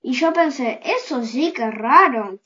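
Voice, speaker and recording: A reader telling a children's story aloud, with gentle and unhurried storytelling. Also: high voice, lively intonation, dull audio. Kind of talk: slow storybook reading aloud.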